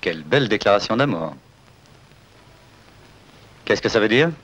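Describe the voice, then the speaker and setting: An actor playing a composed investigator in a 1970s film drama, questioning people in a terse, probing way. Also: male voice, fairly low pitch, lively intonation, moderate pace, a bit bright, slightly rough. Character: composed male investigator hired to find a client's daughter. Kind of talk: 1970s French-language film drama acting. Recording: dull, noisy old film soundtrack.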